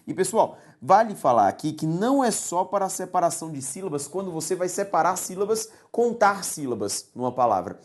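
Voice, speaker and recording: A man with a Brazilian Portuguese accent teaching a recorded online grammar lesson, animated and often checking in with his students. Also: mid-range voice.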